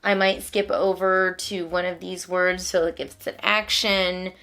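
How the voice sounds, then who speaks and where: A homeschooling mom's voice is on the low side and a bit bright, with a flat delivery and a measured pace. In her vlog she explains teaching tips encouragingly, breaking off now and then to read aloud to a child.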